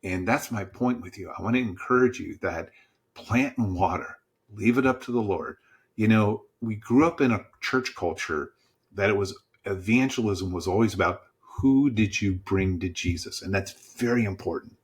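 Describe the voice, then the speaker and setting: A man, a church small-group pastor, telling stories as a podcast guest in a lively, encouraging preacher's manner and acting out the dialogue. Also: moderate pace, husky. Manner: lively storyteller who acts out dialogue with sudden pitch jumps. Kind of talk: storytelling in a podcast conversation.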